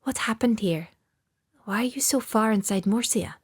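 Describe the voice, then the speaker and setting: A woman's voice: medium pitch, normal speed, breathy edge, close to an everyday voice. A woman narrator voicing a tough young woman assassin hunter who speaks urgently and gives commands.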